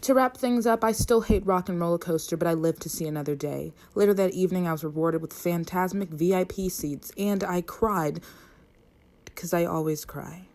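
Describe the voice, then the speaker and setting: A woman's voice: fairly low pitch, moderate pace. A young woman vlogger chatting casually, joking and exaggerating everything dramatically. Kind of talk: casual vlog chat. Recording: loud park music and crowd behind.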